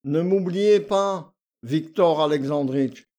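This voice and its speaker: A man voicing a timid, heartbroken young peasant girl who speaks softly and haltingly. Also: high voice. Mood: sad, pleading. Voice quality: soft, faltering.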